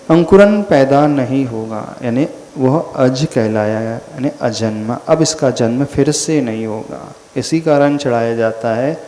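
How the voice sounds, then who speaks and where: Monk giving a slow sermon, mellow low-key voice, big echoey hall. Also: male voice, a little hiss or hum. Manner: slow, questioning the listeners, rhetorical questions. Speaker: Jain monk teaching. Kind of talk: devotional discourse.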